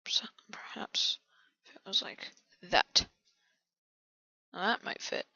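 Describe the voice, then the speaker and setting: A man quietly commenting on his own game build, often half-whispering to himself. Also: high voice, expressive, slow, gravelly, no echo, lo-fi sound. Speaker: channel host building in a video game.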